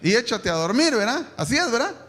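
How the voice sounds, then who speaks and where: A man preaching a sermon to his congregation, animated, asking them questions and bursting into shouts. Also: very high-pitched, brisk. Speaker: pastor. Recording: echoey church hall, live stream.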